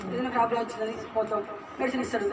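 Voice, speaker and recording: Rich: A very high-pitched man preaches quickly in a roomy church hall. He drives his sermon with rhetorical questions and repetition. The recording is distant, echoey and noisy. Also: fairly even intonation. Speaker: pastor.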